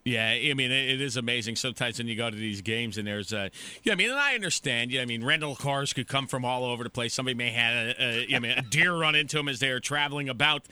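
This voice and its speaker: Halting male radio sports host, bright tone. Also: mid-range voice, smooth. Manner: halting, many fillers and restarts. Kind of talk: casual radio chat and live-read ads.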